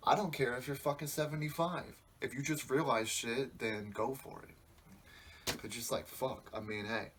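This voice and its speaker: There's background noise as a man in his twenties hosts a podcast, talking slowly and evenly in a mid-range voice. His casual monologue rambles and reflects, full of swearing.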